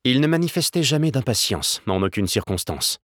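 A man reading a novel aloud in a measured, even way. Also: medium pitch, no room sound, studio quality. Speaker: narrator.

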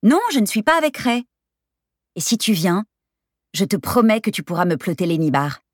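A woman's voice: on the low side, moderate pace, a little mellow, no echo, clean studio sound, close to an everyday voice. A woman voicing a brash, teasing young woman friend with a bold, crude, exclamatory way of talking in a storybook reading.

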